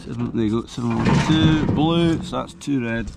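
A man's voice: mid-range voice, normal speed, vocal fry. A young man, a farmer chatting casually to a body-worn camera while he works cattle in an outdoor yard. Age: young adult. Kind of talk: casual farm vlog narration. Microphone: body-worn action camera. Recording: loud outdoor noise, clanking gates.

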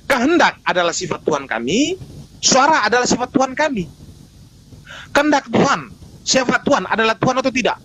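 A man's voice: extremely high pitch, very animated, a little fast, pauses often, bright, forceful tone, slight background noise, poor audio. A man arguing his case in a live online debate, emphatic, repeating points and answering his own rhetorical questions.

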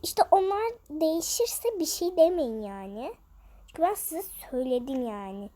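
A woman's voice: high voice, very animated, moderate pace, warm tone. A woman vlogging over a game, venting to her viewers in an exasperated, casual way.

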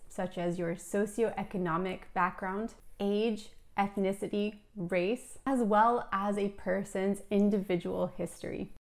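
A young woman with an American accent, explaining a scripted English lesson clearly to camera. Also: medium pitch. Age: young adult. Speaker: English teacher. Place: small furnished room indoors. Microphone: clip-on lapel mic.

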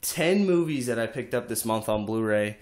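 A young video game collector vlogs from an echoey room at home, casually showing off his collection with lots of "uh" fillers. He has a cold and a stuffy nose, and his medium-pitched voice moves at a moderate pace with lively intonation.

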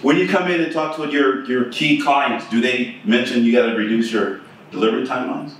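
Fairly quick and fairly bright, a middle-aged keynote speaker's mid-range voice carries through an echoey conference room with a projector screen. He talks conversationally and puts questions to the audience, recorded from a distance with slight background noise.

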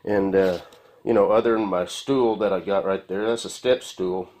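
This man speaks low and steady at a moderate pace, his tone on the dark side. He's a home mechanic giving a casual, rambling, folksy tool review full of fillers, filmed on a handheld phone in his concrete-floored garage.

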